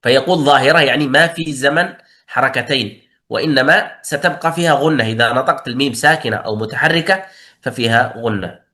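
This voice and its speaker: A man's voice: medium pitch, fairly quick, bright, forceful tone. Methodical man teaching tajweed rules. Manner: methodical, poses and answers his own questions. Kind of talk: classroom explanation.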